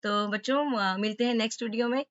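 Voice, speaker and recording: A woman's voice: fairly high pitch, a little fast, no room sound, dull audio. Patient woman teaching kids a lesson. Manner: patient, repeatedly checking understanding. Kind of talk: explaining a school lesson to children.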